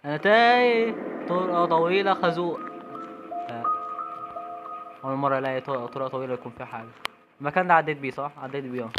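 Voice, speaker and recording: A man's voice: mid-range voice, racing, long pauses, lo-fi sound, music in the background. A young Egyptian man commenting on a horror game as he plays, jumpy and talking to himself, cursing when startled. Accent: Egyptian Arabic. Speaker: gamer streamer.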